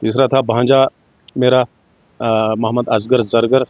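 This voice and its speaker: A man's voice: mid-range voice, flat delivery, a little slow, a little mellow, no room sound. A middle-aged man from Jammu and Kashmir, giving an interview and telling his own story in earnest, acting out the dialogue with small shifts in his voice. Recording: muffled, dull dry recording.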